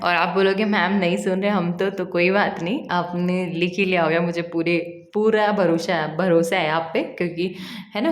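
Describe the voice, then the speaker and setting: Chatty woman teacher with a Rajasthani Hindi accent. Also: on the low side. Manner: chatty, teasing students, explains step by step. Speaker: chemistry teacher. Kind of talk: casual teaching lesson. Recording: echoey room.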